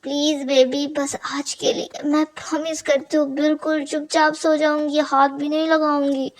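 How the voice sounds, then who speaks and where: A woman's voice: high voice, flat delivery, moderate pace, natural voice, poor audio. A woman voicing a playful, clingy young woman who teases and wheedles her roommate. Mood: teasing. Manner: teasing, wheedling.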